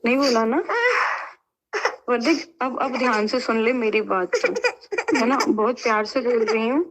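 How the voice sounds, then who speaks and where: A woman's voice: fairly high pitch, expressive, moderate pace, background noise. Woman, heated phone call, insistent and angry, keeps demanding agreement. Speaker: caller in a quarrel.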